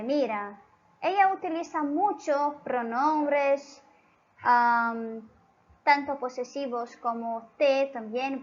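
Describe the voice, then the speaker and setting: A woman who is a native Portuguese speaker, teaching a Spanish grammar lesson patiently and often checking in with her students. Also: high-pitched. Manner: patient, keeps checking in with listeners. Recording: dull lo-fi recording.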